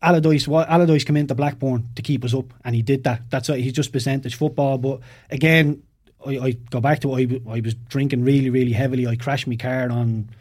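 A man, a former footballer, telling lively stories in casual podcast chat and laughing along the way. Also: medium pitch. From Ireland.

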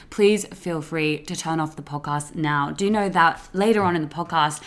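A woman co-hosting a podcast in casual chat, with playful, jokey asides. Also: low voice. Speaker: podcast co-host.

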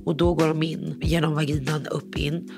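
Woman, 30s, gravelly voice, frank personal storytelling over background music, acts out dialogue. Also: deep voice, little pitch movement. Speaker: guest telling her own story. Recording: music playing underneath.

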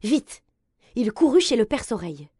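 A woman reads a children's story aloud with expressive, gentle narration. Her pitch rises and falls a lot as she tells it. The sound is dry and close, with no room echo. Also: moderate pace, husky.

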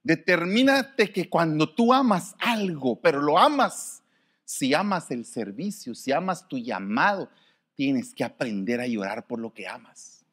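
Animated preaching man, wide-ranging voice. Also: on the high side, measured pace. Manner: animated, swinging from soft to shouted. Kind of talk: sermon.

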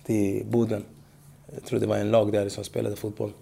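Gravelly man telling stories in a podcast. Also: on the low side. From Sweden. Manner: animated storytelling, frequent "förstår du vad jag menar". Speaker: guest, former footballer. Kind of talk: podcast interview.

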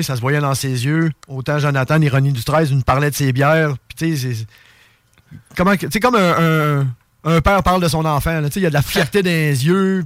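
A man with a Québécois accent co-hosting a radio show, who chats casually and often echoes his partner. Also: fairly high pitch. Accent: Québécois French. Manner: agreeable, echoes the other host. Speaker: radio co-host.

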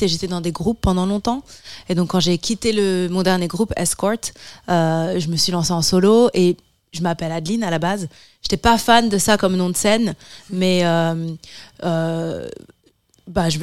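Femme grandie en France, invitée d'interview, voix un peu basse, son sec de studio, hésite souvent. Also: female voice, no room sound. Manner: hesitant, many fillers. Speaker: musician guest. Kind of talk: casual radio interview.

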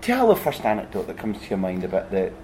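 A man's voice: low voice, wildly swooping pitch, fast talker, a little mellow, a little hiss or hum. A man hosting a conversational interview, putting long, winding, reflective questions to his guest. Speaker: interviewer, podcast host.

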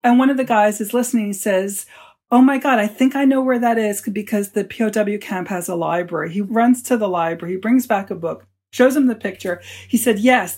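Man telling a wartime story as a guest. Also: sits high. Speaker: author guest. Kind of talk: storytelling in a podcast interview.

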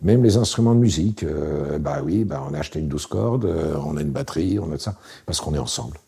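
A man's voice: rumbling low, fast talker, creaky, breathy edge. A man in his late sixties, an interview guest telling wry, rambling anecdotes in casual conversation. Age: 60s. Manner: relaxed, wry, anecdotal with frequent fillers.

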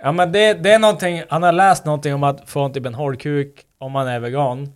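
A man with a somewhat high voice chats casually among friends. He teases and rambles, often restarting his sentences. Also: steady tone, clear, resonant tone. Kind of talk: casual chat.

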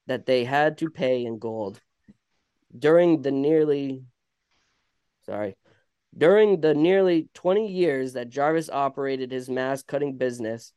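Man, Vermont accent, slightly low voice, clean smooth tone, casual halting read-aloud. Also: dark tone, no room sound, studio quality. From Vermont, United States. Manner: halting, stumbling and self-correcting. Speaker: podcast host reading a story aloud. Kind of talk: casual reading aloud with asides to co-hosts.

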